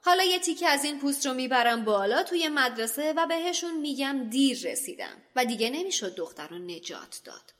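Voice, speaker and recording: A woman voicing a vain, boastful male wizard teacher who turns traitor, gloating loudly and theatrically in an audiobook reading. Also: high voice, sing-song, hardly any pauses, long reverb tail, pitched above the performer's own voice. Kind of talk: audiobook character voice.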